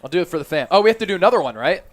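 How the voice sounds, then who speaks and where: A man's voice: high-pitched, animated, very fast, a little hiss or hum. A man co-hosting a live sports fan show, chatting casually and jokily with viewers as he reads out their comments.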